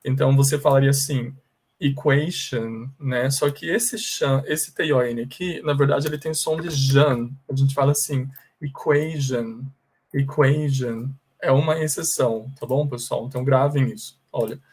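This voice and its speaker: A man with a Brazilian Portuguese accent giving a pronunciation lesson, explaining patiently and repeating English words slowly and carefully. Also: medium pitch, steady tone, darkish tone, husky. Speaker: English teacher.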